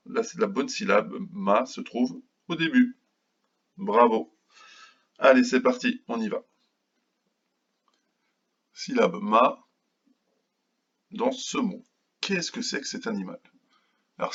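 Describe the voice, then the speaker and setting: A man teaching a phonics lesson to young children, speaking slowly and patiently and sounding out each syllable. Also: medium pitch, big pitch swings, gravelly, a bit bright, slightly rough, dull audio. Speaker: kindergarten teacher.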